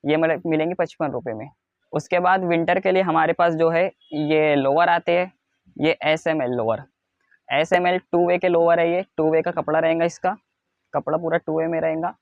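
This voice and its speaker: Indian salesman's insistent pitch, dull dry sound. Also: steady tone, normal speed, vocal fry, dry recording. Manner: repetitive, insistent sales pitch stressing low prices. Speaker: wholesale clothing seller presenting stock. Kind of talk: product showcase sales talk to camera.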